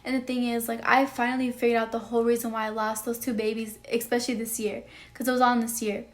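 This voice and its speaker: A woman's voice: a little high, level tone, quick pace. A nineteen-year-old woman telling a personal story in a vlog, emotional and rambling, full of "like" and "you know". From Texas. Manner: emotional, rambling, heavy use of "like". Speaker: vlogger.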